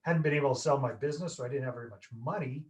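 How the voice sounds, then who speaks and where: His medium-pitched voice races along as this fiftysomething Canadian shares anecdotes during a relaxed video-call interview. He keeps things light, cracking jokes at his own expense.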